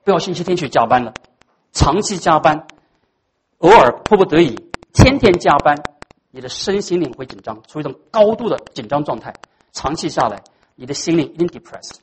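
A pastor preaching a sermon in a dramatic way, swinging between hushed and loud and dropping English words into the speech. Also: medium pitch, animated, fairly quick, slight background noise, low-quality recording.

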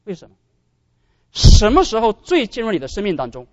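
A man preaching a sermon as pastor, animated and often addressing his brothers and sisters. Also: high-pitched, brisk, no room sound, lo-fi sound.

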